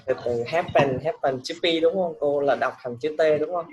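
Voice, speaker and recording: A woman's voice: sits low, moderate pace, highs cut off, noisy background. A woman student on a video call, asking the teacher casual questions and repeating words back. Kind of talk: online class participation.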